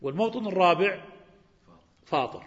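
A man's voice: sits high, expressive, brisk, fairly bright tone. Man teaching a Quran lesson in a hall. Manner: asks students questions and repeats key words. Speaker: religious teacher. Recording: reverberant hall, dull lo-fi sound.

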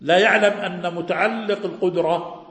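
Male preacher, slightly high voice, poses rhetorical questions and answers them, reverberant hall. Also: fairly even intonation, moderate pace, a bit bright. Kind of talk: religious lesson. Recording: echoey hall with long reverb.

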